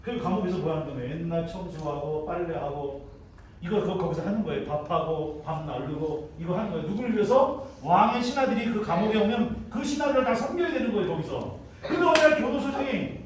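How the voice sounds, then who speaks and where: A man's voice: high-pitched, fairly quick, a little hiss or hum. A male pastor preaching a sermon at a school chapel service, telling the story dramatically. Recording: echoey hall from far off.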